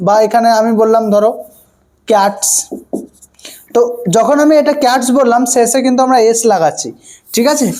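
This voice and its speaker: A man's voice: extremely high pitch, a little mellow. A man teaching an online grammar lesson, repeating each point and often asking his students if they follow. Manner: asks questions and answers them himself.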